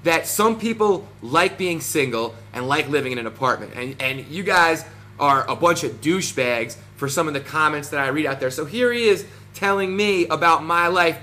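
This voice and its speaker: A vlogger in his thirties with a New Jersey accent rants combatively and boastfully to camera, using lots of fillers. His voice is on the high side, expressive, brisk, pushed and bright, with slight background noise.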